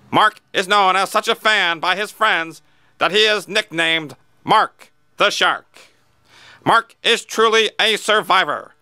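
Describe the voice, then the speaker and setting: A man's voice: sits high, pushed and bright, clear, resonant tone, no echo, studio quality, pitched above the performer's own voice, heavily acted. A man playing a dramatic old-time newsreel announcer in a grand, announcing delivery. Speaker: amateur contest entrant. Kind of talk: mock newsreel narration.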